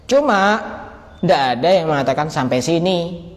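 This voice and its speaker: A man's voice: on the high side, animated, moderate pace. A man giving a religious study talk, conversational and joking, acting out exchanges with students. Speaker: preacher. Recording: long hall reverb, faint background noise.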